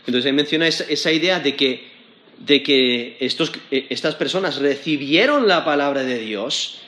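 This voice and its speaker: A man's voice: mid-range voice, normal speed, roomy sound. A man preaching a sermon, earnest and prone to repeating words and restarting as he explains. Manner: earnest, repeats words and restarts often, rises when animated.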